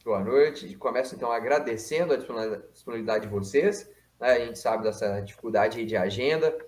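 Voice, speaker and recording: A man's voice: mid-range voice, fast, darkish tone. Chatty male host in an echoey room. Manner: friendly, conversational, with many "né" tags. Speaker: interview host. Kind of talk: hosting an interview.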